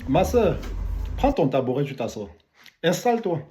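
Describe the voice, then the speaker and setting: A man's voice: on the high side, very animated, moderate pace, mellow, slight background noise. Male commentator with a light African French accent, didactic and repetitive. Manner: didactic, repeats phrases for emphasis. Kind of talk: video commentary monologue.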